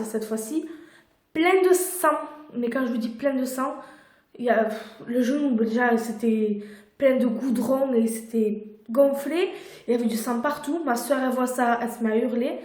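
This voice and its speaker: A woman's voice: fairly high pitch, normal speed, darkish tone. A young woman telling a personal story in a casual vlog, chatty with lots of fillers and restarts, filmed on her phone at home. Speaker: vlogger. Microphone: phone camera. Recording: echoey room.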